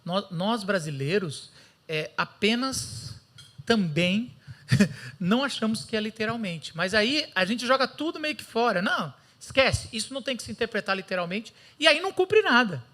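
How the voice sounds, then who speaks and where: Bright-voiced Brazilian man preaching. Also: sits high, normal speed. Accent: Brazilian Portuguese. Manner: lively storytelling, acting out quoted voices. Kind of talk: sermon.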